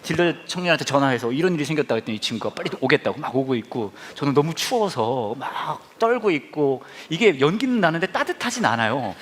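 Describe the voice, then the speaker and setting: A man's voice: on the high side, sing-song, fast talker, hardly any pauses, a little hiss or hum. A man in his forties preaching a sermon, telling a personal story animatedly and acting out his own reactions. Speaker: pastor.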